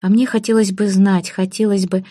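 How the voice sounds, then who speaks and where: A woman's voice: mid-range voice, flat delivery, normal speed, dark tone, no room sound, clean studio sound, close to an everyday voice. A woman voicing an earnest, impulsive young nobleman who speaks insistently.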